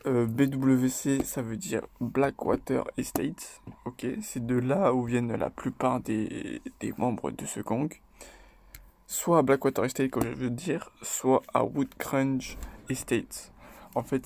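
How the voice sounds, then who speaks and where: A man hosting his own video, talking through rap lyrics in a loose, chatty way, hesitating often and tagging his points with quick check-ins. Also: mid-range voice, steady tone, creaky, darkish tone, slight background noise. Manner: loose and chatty, tags lines with "ok?" and "voilà"; hesitant, with frequent fillers and restarts. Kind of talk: casual spoken commentary.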